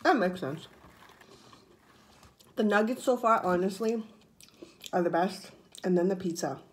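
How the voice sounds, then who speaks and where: A woman's voice: mid-range voice, unhurried, rough recording. A woman in her thirties chatting casually about food, talking with her mouth full as she chews. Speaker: vlogger eating on camera. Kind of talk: casual chat, mukbang food tasting. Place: room indoors at a table.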